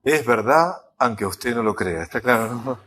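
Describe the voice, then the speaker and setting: A man with a Rioplatense accent giving an enneagram lecture, animated and conversational, constantly checking in with his listeners. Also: medium pitch, normal speed. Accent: Rioplatense Spanish. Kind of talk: recorded lecture.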